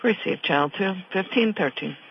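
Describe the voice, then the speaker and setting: A man reading formal fire dispatch announcements over two-way radio in measured, clipped, procedural phrases. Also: high voice, expressive, gravelly. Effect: two-way radio transmission. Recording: dull radio channel, faint static.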